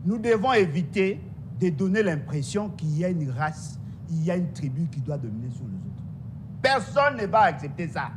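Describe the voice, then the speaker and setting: A man with a Congolese French accent argues hard in a political debate, hammering his points again and again. His voice sits a little high for a man. The audio is noisy, with a low rumble behind him. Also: very animated, normal speed. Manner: emphatic, repetitive, insistent. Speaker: political guest.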